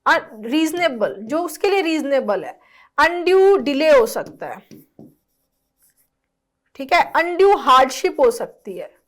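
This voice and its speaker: A woman teaching vocabulary in an exam-prep lesson. She explains slowly in Hindi mixed with definitions spoken, and she often checks in with "clear?" and "right?". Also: sits high, very animated.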